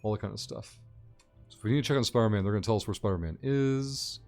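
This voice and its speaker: A man's voice: lowish voice, fast, a little mellow, faint music behind. A man hosting a gameplay video with casual, thinking-aloud commentary. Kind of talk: casual game commentary, reading along.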